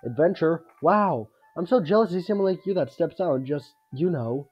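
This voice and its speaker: A man's voice: fairly high pitch, expressive, normal speed, husky, dull audio, voice pushed up. A man voicing a friendly, admiring young man from a video game, chatty and earnest. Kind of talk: video game character read aloud.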